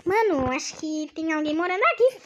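A young girl playing a game with a friend, excitable, often shrieking and laughing. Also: very high voice, brisk, heavy background noise. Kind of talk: playful game chatter.

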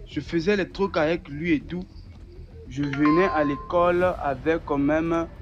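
Young man, lo-fi. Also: a little high. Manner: animated, repeats words, acts out dialogue. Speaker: guest giving a testimony. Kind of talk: personal testimony storytelling. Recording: dull lo-fi recording.

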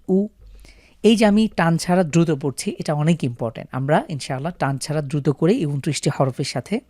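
A man's voice: on the high side, darkish tone, dry recording. Guy teaching quran reading, patient, repeats syllables over and over, dry close sound. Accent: Bangladeshi Bengali. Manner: patient, drills syllables slowly and repeats them. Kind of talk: recorded lesson.

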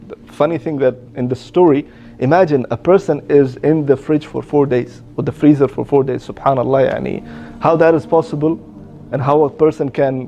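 A man telling a religious story in a casual, halting way, with many restarts and Arabic phrases, on a dull lo-fi recording. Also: mid-range voice, dark tone.

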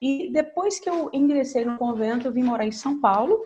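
Speaking a little fast in a high voice, a nun and singer in her thirties from Espírito Santo, Brazil, joins a podcast as a guest via video call in a plain room. Her accent mixes Minas Gerais and Bahia. The talk is casual, and she's animated, laughing often and ending phrases with "né?".

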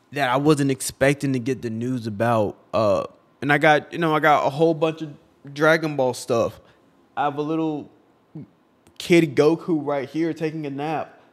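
A young man on the edge of tears talks in a mid-pitched, ordinary voice, stumbling over and repeating his words. His speech is casual and full of slang, heartfelt and broken up. He records himself at home in his room. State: close to tears. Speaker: video creator. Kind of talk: emotional tribute vlog. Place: his own room, among collectibles.

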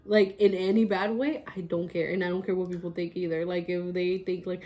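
A young woman co-hosting a casual chat podcast, blunt and quick to laugh, with lots of "like" fillers. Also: on the low side, little pitch movement, warm tone, lo-fi sound. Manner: blunt, laughs often, says "like" a lot. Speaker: podcast co-host.

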